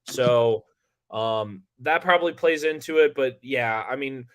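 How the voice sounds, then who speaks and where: A young man co-hosting a fantasy baseball podcast in a casual, excitable way, full of filler words. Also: mid-range voice, unhurried. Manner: casual, excitable, lots of likes and yo. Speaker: co-host.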